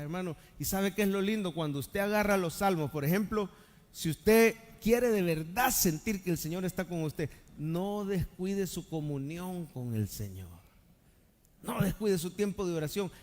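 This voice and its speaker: High-voiced preacher in a reverberant church. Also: male voice, normal speed. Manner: preaching with swings between loud calls and hushed lines; addresses the congregation directly, asking for amens. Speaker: pastor. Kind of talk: live sermon. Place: church sanctuary during a live service. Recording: long church-hall reverb.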